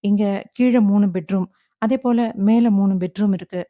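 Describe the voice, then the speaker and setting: Audiobook: woman narrator voicing assured young husband, mellow, close and dry. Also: mid-range voice, measured pace, dry recording, dull audio, lightly acted. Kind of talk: audiobook character voice.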